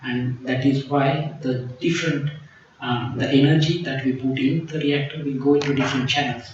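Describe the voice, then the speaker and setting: A man's voice: mid-range voice, steady tone, normal speed. A man answering questions as a PhD candidate at a thesis defense, explaining things in a hedging manner. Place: large echoey room. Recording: echoey hall, distant mic, dull, faint noise.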